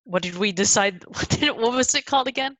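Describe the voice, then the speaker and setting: A woman's voice: on the high side, fairly quick, a bit bright, no room sound. A woman playing a tabletop game, upbeat and casual, often saying cool. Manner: upbeat, says cool a lot. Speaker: player.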